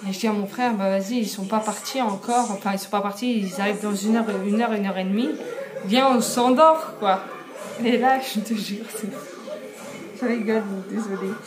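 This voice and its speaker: A woman's voice: mid-range voice, fairly even intonation, fairly quick. A young woman telling a story in a casual vlog, chatty, with many fillers and frequent laughs. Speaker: vlogger.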